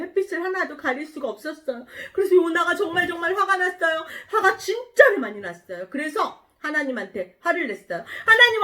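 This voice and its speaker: A woman pastor telling a Bible story in a children's sermon, animated and asking the children questions. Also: high voice.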